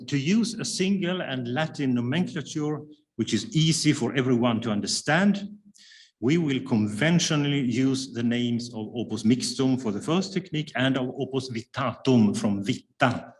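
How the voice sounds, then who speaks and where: This lecture comes from a man with a mid-range voice who learned Swedish first, reading his academic paper aloud. Careful and measured, he frequently stalls with hesitation fillers.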